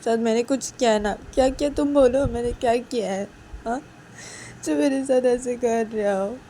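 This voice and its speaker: A woman's voice: a little high, moderate pace, dark tone, a little hiss or hum, pitched above the performer's own voice, close to an everyday voice. A woman voicing Uma, an anxious, tearful young woman who keeps pleading and repeating questions to her partner in a spoken love story. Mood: hurt, pleading.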